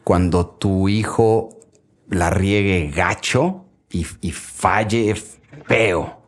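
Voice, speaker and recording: A man's voice: deep voice, extremely slow. A man with a Mexican Spanish accent gives faith-based parenting advice on a podcast, speaking earnestly and conversationally and sometimes acting out quoted lines. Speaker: podcast host, father giving parenting advice.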